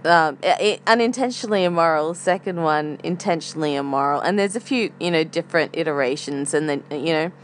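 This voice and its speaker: A woman podcast host thinks aloud in a casual, reflective monologue, hesitating a little as she searches for words. Her voice is low and fairly quick, with few pauses, and an air conditioner hums faintly in the background.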